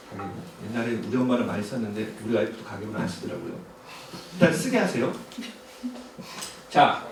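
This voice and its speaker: A middle-aged man giving a conversational public lecture to parents, often asking the audience rhetorical questions. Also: a little high. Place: lecture hall. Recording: very echoey hall, distant mic, faint noise.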